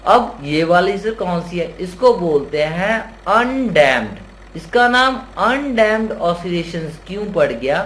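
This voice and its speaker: High-voiced male teacher quizzing his students. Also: sing-song, a little slow, a bit bright. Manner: repeats key terms as questions to the viewer; voices imagined student questions addressed to "sir". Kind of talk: classroom-style Hindi lecture.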